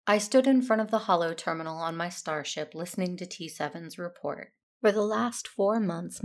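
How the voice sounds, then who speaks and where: In a sci-fi audio drama, a woman plays a dutiful Jedi who is stern with herself, narrating in a measured, earnest way. Her voice is lowish with vocal fry.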